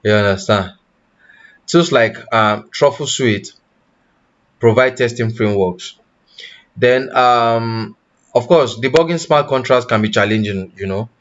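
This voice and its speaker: A tech instructor teaches blockchain development in a live online class, speaking haltingly, pausing often, correcting himself, and asking "you understand?" His voice is medium in pitch, and the audio sounds dull.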